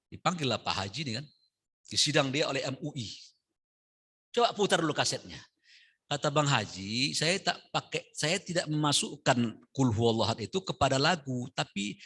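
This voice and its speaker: Bright-voiced man preaching in a mosque. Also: mid-range voice, slightly rough. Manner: lively, shifts from soft asides to loud emphasis; chants Quran verses in Arabic, then explains them. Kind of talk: midday mosque sermon.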